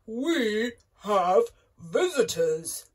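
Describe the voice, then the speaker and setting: A woman voicing a cheerful, lonely male giant who booms his words. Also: very animated, very slow, darkish tone, husky, heavily acted. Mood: booming.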